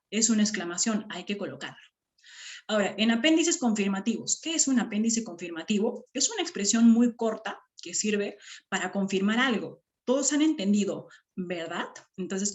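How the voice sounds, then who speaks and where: A woman teaching a grammar lesson, often stopping to check that the listener follows. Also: medium pitch. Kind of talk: explaining a grammar lesson over slides.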